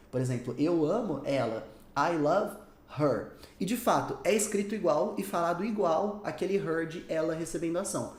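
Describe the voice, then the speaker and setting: A man teaching an English lesson, animated and drawing out example words slowly for his students. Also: on the high side. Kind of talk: explanatory language lesson. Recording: echoey room.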